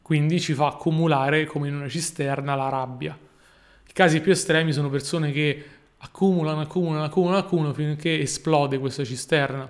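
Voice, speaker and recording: A man giving a motivational coaching talk to viewers, explaining deliberately and repeating phrases for emphasis. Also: a little high, steady tone. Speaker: life coach and video host.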